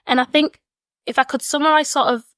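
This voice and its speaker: Speaking briskly in a high, steady, slightly bright voice, an education consultant in her 20s, born in Zimbabwe and raised in Leeds, England, answers earnestly as a podcast guest at the hosts' table. She often repeats words as she thinks things through. The sound is clean studio audio with no echo.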